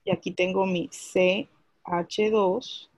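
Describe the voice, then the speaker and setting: A woman's voice: mid-range voice, steady tone, takes it slowly, a little mellow, husky, no echo. A woman teaching a class, explaining a chemistry lesson step by step and asking her students questions as she goes.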